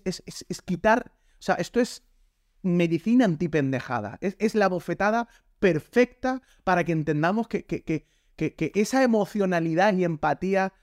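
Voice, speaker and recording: Spanish male preacher, high, very animated voice, jokey, dry close sound. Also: dry recording. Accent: Spain. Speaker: pastor. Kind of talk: sermon.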